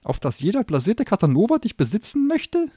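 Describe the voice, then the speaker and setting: A shrill, mocking little gnome demon shoots up high and swings his pitch wildly as he sneers. His voice sits dry and close, sarcastic and quick to temper. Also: wildly swooping pitch, mellow, husky, no room sound, heavily acted. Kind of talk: audiobook reading.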